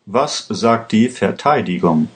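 A man's voice: on the low side, expressive, slow pace. A man voicing an impatient, tired judge who gives curt commands.

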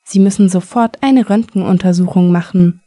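A calm male surgeon, read by a woman who explains things in a measured way. The voice is mellow and dry. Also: mid-range voice, no echo, lightly acted.

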